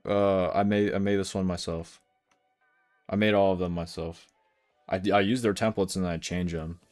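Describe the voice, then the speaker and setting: A man's voice: low voice, steady tone, moderate pace, a little mellow, soft background music. A man streaming live day trading, casually explaining charts and answering questions from chat.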